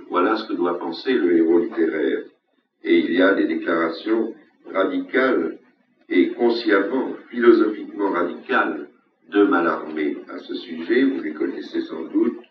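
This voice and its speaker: A man giving a university lecture in a measured, emphatic way, repeating his key phrases for weight. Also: deep voice, slight background noise. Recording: roomy, distant, dull lecture-hall recording.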